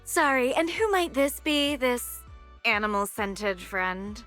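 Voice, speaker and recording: A woman's voice: a little high, animated, takes it slowly, a bit bright, faint music behind. A woman playing a snobbish rich young heiress and sorority president in an anime game, condescending and mockingly polite. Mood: smug, disdainful.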